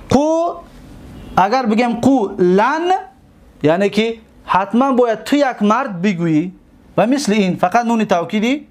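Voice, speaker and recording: A man with a high voice and a Tajik accent leads a grammar lesson. He repeats each verb form slowly and deliberately, stopping often to check that his students follow. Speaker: teacher of Arabic grammar. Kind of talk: classroom lesson.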